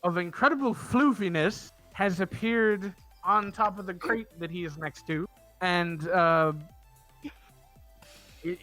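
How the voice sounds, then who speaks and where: A man narrating as game master of a tabletop game, halting and restarting often. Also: high-pitched, pushed and bright. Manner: halting, with many fillers and restarts.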